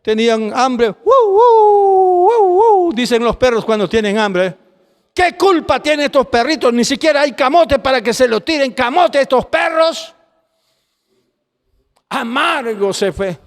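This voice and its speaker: A man's voice: very high-pitched, a little slow, in a large hall. A man preaching his testimony, impassioned and pleading, calling his listeners brother. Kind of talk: testimony sermon.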